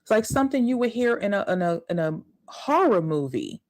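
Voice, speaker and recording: A woman talks through a casual YouTube commentary in a middle-pitched voice. She sounds indignant and stacks up words for emphasis. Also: very animated, fairly quick, a little mellow, rough recording.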